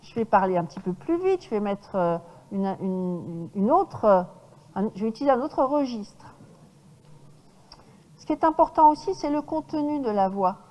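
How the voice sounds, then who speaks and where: A woman horse trainer giving a lecture to an audience, lively and demonstrative, often checking in with her listeners. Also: medium pitch, normal speed, in a large hall, low-quality recording.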